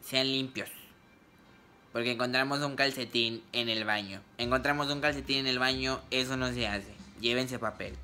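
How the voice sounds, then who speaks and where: A man's voice: medium pitch, steady tone, normal speed, bright, forceful tone, faint music behind. A man voicing a nasal-voiced male school principal scolding students over a microphone.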